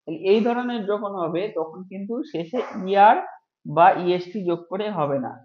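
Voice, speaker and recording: A man with a high-pitched voice teaches a grammar lesson, walking through each rule step by step. He stretches out the example words slowly so they can be heard clearly. The recording is echoey and dull, like a lo-fi room recording. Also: lively intonation.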